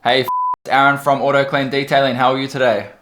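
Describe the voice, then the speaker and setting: Casual Kiwi male vlogger, informal salesman delivery, mid-pitched, roomy sound. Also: level tone, fast, heavy background noise. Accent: New Zealand. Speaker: vlogger and car detailing business owner. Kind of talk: casual vlog talk and sales calls.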